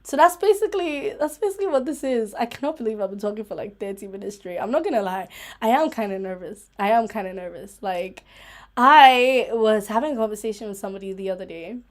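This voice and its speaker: A young woman hosting a casual solo live stream chat, rambling through tangents with lots of "like", giggling and getting excitable. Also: medium pitch, quick pace. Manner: rambling, full of "like", tangents and self-interruptions.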